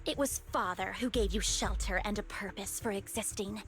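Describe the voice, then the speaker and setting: An actress voices a cold, scheming cult woman in a video game, sounding condescending, persuasive and coolly mocking, with music playing behind her. Her voice is medium-pitched, her speed normal, and the performance only lightly acted.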